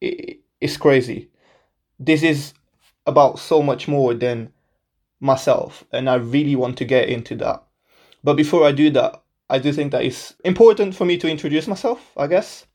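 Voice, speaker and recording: A Portuguese man in his twenties, a native speaker, introduces his own solo podcast in a casual, upbeat, self-deprecating way. His voice is medium-pitched and darkish, at a moderate pace.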